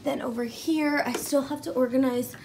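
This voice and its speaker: A pregnant woman vlogs a casual walk-through of her home, her high voice fairly even in intonation and at normal speed, with background noise behind her. She moves from room to room, rambling with lots of ums and likes and sometimes losing her breath.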